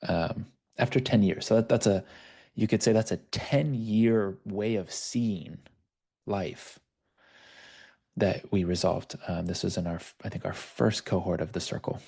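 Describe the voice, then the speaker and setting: Male life coach, low gravelly voice, relaxed storytelling delivery, video-call audio. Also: measured pace. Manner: conversational, storytelling. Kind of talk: online workshop teaching.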